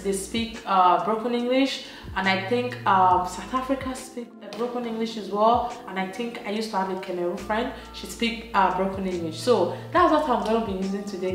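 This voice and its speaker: A young Nigerian woman from Edo with a chatty, laughing manner walks through a casual makeup tutorial, slipping into Pidgin English. Her voice sits at a middle pitch for a woman and rings around a very echoey room, with soft music playing faintly behind her. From Nigeria, Benin City, Edo State. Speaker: beauty vlogger.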